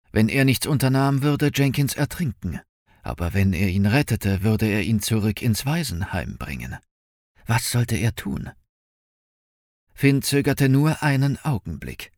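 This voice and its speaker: Expressive, low-voiced male narrator. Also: a little slow, dry recording, studio quality. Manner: expressive, dramatic storytelling. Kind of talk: audiobook narration.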